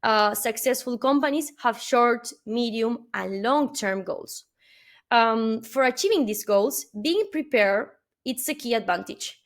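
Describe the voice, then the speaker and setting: Speaking English with an Argentine accent, this native Spanish-speaking woman from Argentina delivers an earnest webinar keynote. Her voice sits on the high side, expressive and a little slow, and she fills it with "uh" and questioning "no?" tags.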